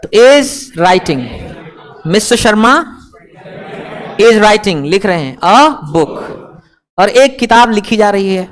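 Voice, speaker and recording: A man with a high voice lectures slowly to a room of students. He walks through grammar examples step by step, keeping the class engaged with frequent checks and playful jabs. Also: a faint crowd. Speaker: English teacher.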